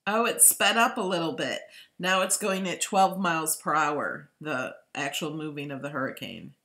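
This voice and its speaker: A woman's voice: deep voice, normal speed, sharp tone. A woman hosting a live stream, talking casually and thinking aloud as she replies to viewers. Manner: chatty, informal, thinking aloud.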